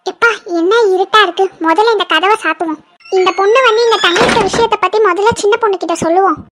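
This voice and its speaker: A woman doing a squeaky fretful cartoon housewife. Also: fast, background noise. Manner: high-pitched, fretful, whiny lamenting. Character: fussy, nervous middle-aged housewife. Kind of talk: cartoon voice acting.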